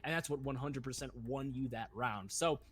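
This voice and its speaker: A male esports caster delivers analytical commentary in a medium-pitched voice. He explains the play step by step and leans on key words for emphasis. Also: moderate pace, a loud crowd.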